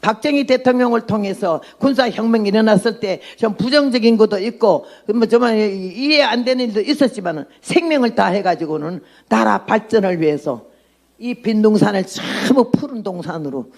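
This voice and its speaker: A woman's voice: mid-range voice, lively intonation, moderate pace, a little mellow. An outspoken woman in her eighties preaching a testimony sermon as a missionary, blunt and emphatic. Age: 80s.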